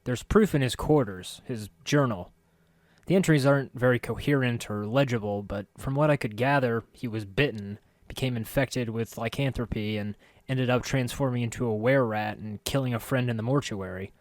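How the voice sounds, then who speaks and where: A man's voice: medium pitch, normal speed, dry recording, natural voice. A man voicing a plain-spoken immortal adventurer who explains things in a matter-of-fact, informal way.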